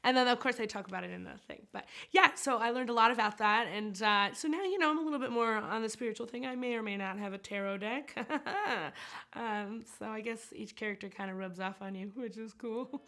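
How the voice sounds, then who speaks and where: Bright, chatty woman with giggles. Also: on the high side, brisk. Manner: chatty and giggly, rambling with many fillers. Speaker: actress and set designer interviewed about her film. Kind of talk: casual chat.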